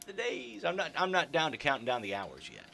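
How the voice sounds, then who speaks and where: A man's voice: a little high, huge pitch swings, a little fast, vocal fry. A man hosting a live local radio call-in contest, chatting casually in a folksy, rambling way with dry humor. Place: radio studio.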